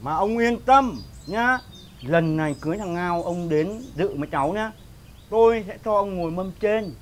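A man's voice: high voice, expressive, moderate pace, slight background noise. Boastful stammering man. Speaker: villager inviting neighbours to his son's wedding. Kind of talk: rural comedy sketch acting.

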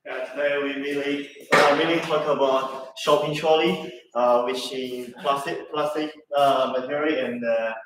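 A man's voice: mid-range voice, fairly even intonation, measured pace, few pauses, fairly bright tone. A young man demonstrating a product, speaking hesitantly with many fillers. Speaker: sales staff demonstrating products. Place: large echoey warehouse showroom. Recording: echoey room from far off, background noise.

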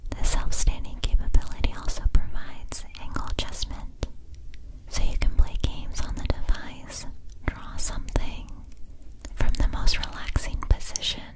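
A young woman softly whispering a scripted ASMR sponsor read in a breathy, unvoiced voice, enunciating carefully. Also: measured pace, rough recording. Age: young adult. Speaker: ASMR creator.

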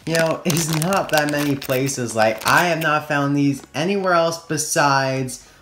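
A man's voice: fairly high pitch, measured pace. Young American male review host, chatty, slightly distorted after-wisdom-teeth diction, echoey room with faint background noise. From United States. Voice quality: slightly distorted, mouth-sore speech after wisdom tooth removal. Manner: chatty, addresses viewers as guys. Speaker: toy collector and review host. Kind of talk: casual scripted-free product review to camera. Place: indoor room at a tabletop. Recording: roomy echo, faint hiss and crinkling. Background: crinkling plastic packaging, clicks.

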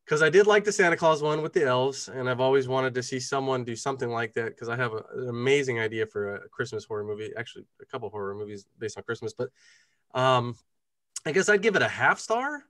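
A man gives crude, blunt opinions in casual podcast chat. His voice is bright and forceful at a middle pitch, recorded dry and close on a video call. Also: no room sound. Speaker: film podcast panelist.

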